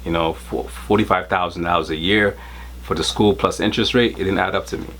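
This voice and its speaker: A man's voice: low-pitched, fairly even intonation, quick pace, a bit bright, slight background noise. A man from Haiti, a guest in a casual interview, talking earnestly and repeating his key phrases.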